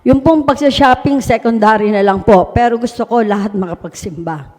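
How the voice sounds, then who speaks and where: A woman who is a mayor earnestly shares a personal testimony with an audience, her voice fairly high, a little mellow, and at a normal pace. She speaks politely and respectfully, using frequent respectful particles, with a long hall reverb on the recording.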